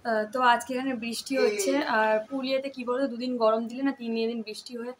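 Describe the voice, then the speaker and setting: A young woman with a Medinipur Bengali tone chatting casually at home in a vlog, rushing her words with lots of fillers. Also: fairly high pitch, steady tone, noisy background. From Kolkata, West Bengal. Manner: rapid, run-on talk with many fillers. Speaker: vlogger. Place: home, indoors.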